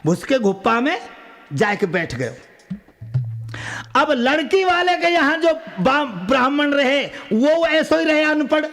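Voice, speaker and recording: High-voiced rustic male folk storyteller. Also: faint music behind. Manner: lively dialect narration, breaking into drawn-out song. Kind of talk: rural folk tale telling with sung refrains.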